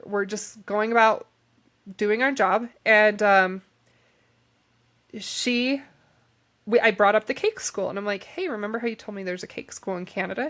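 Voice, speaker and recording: A woman's voice: medium pitch, fairly bright tone. A young woman tells her own story on a podcast. She speaks candidly and loosely, with frequent restarts, and gets emotional when she reflects on what happened. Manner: candid, rambling, emotional at times. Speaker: podcast host. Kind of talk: personal storytelling.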